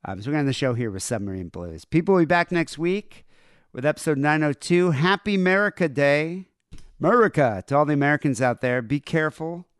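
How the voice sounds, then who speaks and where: A man's voice: on the high side, expressive, a little fast, smooth, no room sound, studio quality. A man hosting a podcast in casual, rambling chat with lots of fillers. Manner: laid-back, rambling with fillers. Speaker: podcast host.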